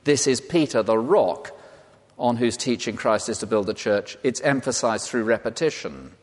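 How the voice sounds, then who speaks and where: Preacher in a reverberant church. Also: male voice, mid-range voice, expressive, moderate pace. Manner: emphatic, rhetorical repetition. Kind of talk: sermon. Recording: long hall reverb.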